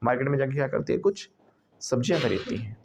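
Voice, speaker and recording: A man teaches an English lesson to a class in a mix of Hindi and English, drilling them with questions and having the students repeat words after him. He talks fast and expressively in a medium pitch, with a slightly mellow voice.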